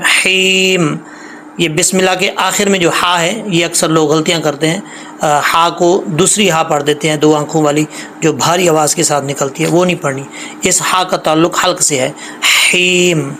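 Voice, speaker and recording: Man teaching tajweed, slow drawn-out recitation. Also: high voice, fairly bright tone, slight background noise. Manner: explains quickly, then recites words slowly and drawn out. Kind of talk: tajweed lesson with slow chanted examples.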